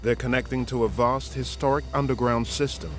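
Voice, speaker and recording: A man's voice: mid-range voice, steady tone, fairly quick. A man reading scripted narration for a nature and science documentary. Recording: music under the voice. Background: prominent background music.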